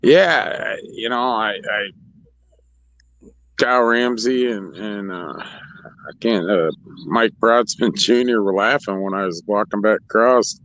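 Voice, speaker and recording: A man with a lowish voice chats casually as a racetrack co-host, laughing as he goes and stumbling through restarts. The recording is dull and lo-fi, with the top end rolled off. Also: slow pace, fairly bright tone. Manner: laughs often, rambling with restarts. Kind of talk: casual chat. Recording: dull lo-fi sound.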